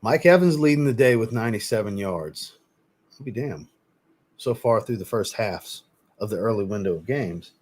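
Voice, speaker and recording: A man's voice: lowish voice, lively intonation, normal speed, a little mellow, husky. A man hosting a live stream in a casual, rambling way, blunt and cursing now and then, often restarting and repeating himself. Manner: rambling and blunt, with mild swearing. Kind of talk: casual live chat commentary.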